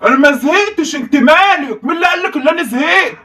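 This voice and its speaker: A woman voicing a hungry, hot-tempered working husband in a comedy sketch, with an Egyptian accent, ranting and shouting complaints. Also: high voice, expressive, racing, far from the mic, pitched below the performer's own voice, exaggerated voice. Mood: angry.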